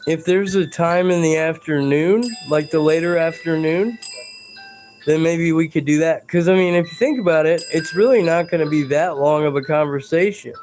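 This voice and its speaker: Male stream host, unhurried, somewhat high-pitched, hesitant and rambling, addresses viewers directly. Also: a little mellow. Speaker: livestream host. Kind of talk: live paranormal stream chat. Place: bedroom at home.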